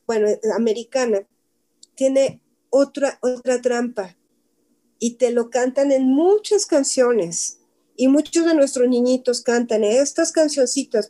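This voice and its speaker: A woman's voice: sits high, dark tone. A woman giving an informal talk to a small group, chatty, often asking her listeners questions and repeating words for emphasis. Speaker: workshop speaker.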